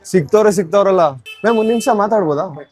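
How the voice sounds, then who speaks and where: A man with a high voice vlogs outdoors on a shopping street, speaking briskly as he politely stops strangers for a street challenge and talks to his camera. Soft music plays in the background.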